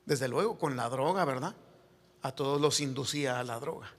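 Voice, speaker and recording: A man, a pastor telling a story in his sermon that builds to shouted preaching. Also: mid-range voice, moderate pace. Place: church sanctuary. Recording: echoey hall reverb.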